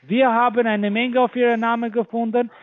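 High-voiced man on a tinny phone line. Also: flat delivery. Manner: halting, full of fillers, broken grammar. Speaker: phone scammer.

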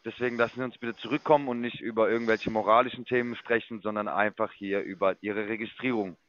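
A man's voice: lowish voice, steady tone, fast, fairly bright tone, lo-fi sound. A man working as an investment sales caller, lecturing and condescending as he walks a customer through a sign-up. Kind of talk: phone sales call.

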